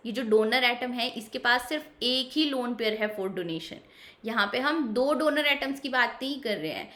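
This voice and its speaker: Woman chemistry teacher, bright clear tone, slightly high voice, patient explainer, mix. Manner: patient, repeats key points, asks and answers own questions. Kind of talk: explanatory online lecture.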